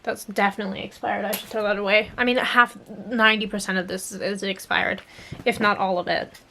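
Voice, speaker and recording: A woman's voice: medium pitch, steady tone, fairly quick, vocal fry, sharp tone, a little hiss or hum. A young adult woman vlogger chatting casually to viewers, musing aloud and trailing off, her speech slightly hampered by a swollen mouth after dental work. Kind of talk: casual rambling chat to viewers.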